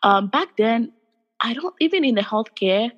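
A woman's voice: fairly high pitch, animated, normal speed, big-room sound, dull audio. A woman who grew up in Ghana, a guest in an interview, speaking thoughtfully and earnestly with frequent fillers. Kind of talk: interview conversation.

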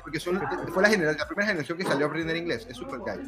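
A man's voice: a little high, racing, over loud music. A young man with a Colombian accent, casually telling a family story and acting out the people he quotes. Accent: Colombian Spanish. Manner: animated, repeats himself, acts out the voices he quotes.

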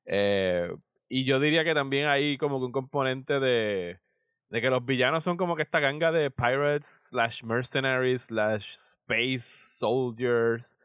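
Puerto rican guy chatting casually, medium pitch, mixes english into his spanish, very dry sound. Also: a little slow, fairly bright tone, clear, resonant tone, no room sound. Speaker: comics podcast co-host. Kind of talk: casual chat.

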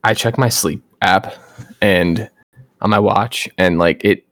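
A man with a fairly low, slightly bright voice speaks slowly as a podcast co-host, chatting casually and rambling with lots of fillers. The studio sound is clean, with no room sound.

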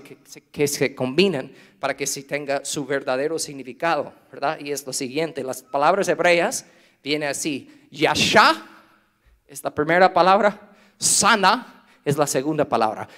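Spanish-speaking preacher, loud then hushed. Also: male voice. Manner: swings between loud emphatic stretches and low hushed appeals; draws out key words slowly for emphasis. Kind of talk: sermon.

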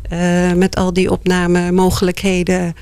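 A woman answering interview questions in a thoughtful, hesitant way, often pausing with fillers. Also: fairly low pitch, monotone, darkish tone, clean tone. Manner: thoughtful, hesitant, many "eh" and "ja" pauses. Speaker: board member of a foundation, interview guest.

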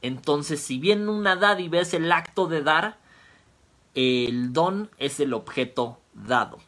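A man's voice: a little high, animated, slow pace, a bit bright. A man giving a sermon, explaining Bible word roots step by step and repeating key phrases. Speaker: preacher. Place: home, via online stream.

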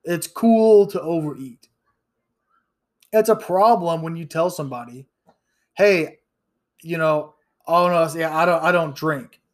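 With a fairly high voice, a measured pace and frequent pauses, a man in his thirties hosts a solo podcast. He rants bluntly and with profanity, stumbling and restarting often.

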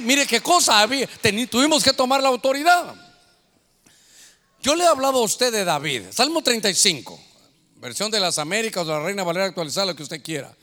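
A man, a pastor preaching a sermon, telling a story and acting out the voices and shouts of others. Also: high-pitched. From Guatemala. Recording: echoey hall reverb.

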